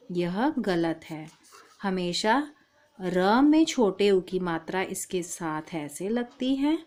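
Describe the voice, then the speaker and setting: A woman's voice: mid-range voice, darkish tone. A woman teaching a primary-school language lesson, patiently calling the child "beta". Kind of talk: slow, deliberate primary-school Hindi lesson.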